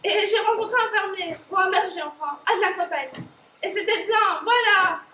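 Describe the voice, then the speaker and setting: Teen girl doing a tired outspoken young working woman, really high voice, echoey hall sound. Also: normal speed, sharp tone. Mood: dreamy. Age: teens. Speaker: high school stage actor. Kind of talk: school stage play. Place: school stage. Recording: echoey hall from far off, faint noise.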